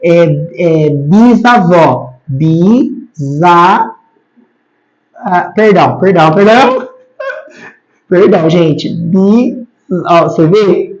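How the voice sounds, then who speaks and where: Patient teacher. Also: mid-range voice. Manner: patient, repeats rules, checks in with "tá?" often. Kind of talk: grammar lesson at a board. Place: teaching at a board. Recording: slightly dull lo-fi recording.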